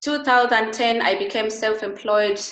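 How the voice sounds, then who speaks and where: Her voice is fairly high and a bit bright, at a moderate pace. She is a middle-aged woman from Uganda who works as a beauty and wellness therapist, appearing as an earnest guest in a conversational interview in Germany, with frequent restarts, recorded with roomy echo.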